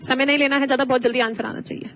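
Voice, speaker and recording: A woman with a high, light voice teaches a live online exam-prep class. She explains terms slowly, switching between two languages, and keeps asking her students for answers. Faint noise hums under the close mic. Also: fairly even intonation, a bit bright, poor audio.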